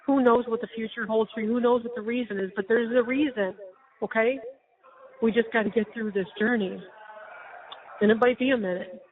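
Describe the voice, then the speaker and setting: A middle-aged woman on a phone call, gently reassuring her daughter. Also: on the high side, fairly even intonation, brisk. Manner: soothing, reassuring. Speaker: parent on a jail call. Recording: tinny jail phone line.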